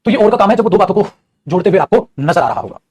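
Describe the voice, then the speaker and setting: A man's voice: high voice, animated, very fast, darkish tone, husky. A man with an Indian accent teaching an English grammar lesson in Hindi, repeating each point and calling his students "beta".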